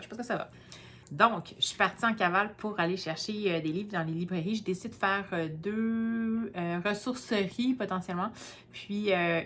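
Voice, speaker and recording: Chatty Québécoise vlogger, low voice. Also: female voice, fairly bright tone, slight background noise. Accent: Québécois French. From Quebec. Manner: chatty, explanatory. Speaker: book vlogger. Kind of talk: casual vlog chat. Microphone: handheld phone.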